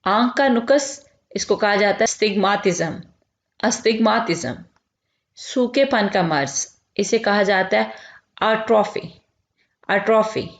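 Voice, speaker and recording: A woman teaching medical vocabulary, repeating each term slowly and clearly. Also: medium pitch. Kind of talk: vocabulary lesson. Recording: echoey, dull lo-fi room recording.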